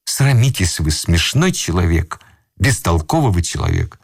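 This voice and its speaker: A man voicing a flustered elderly gentleman in a raccoon coat, fussy and pleading with wounded dignity. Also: deep voice, sing-song, normal speed, slightly rough, dry recording, clean studio sound, full character voice. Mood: fretful pleading. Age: older.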